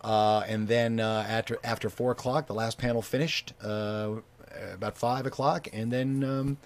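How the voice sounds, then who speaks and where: A man co-hosting a casual chat show, talking haltingly with many fillers and restarts. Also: mid-range voice, steady tone. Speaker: co-host.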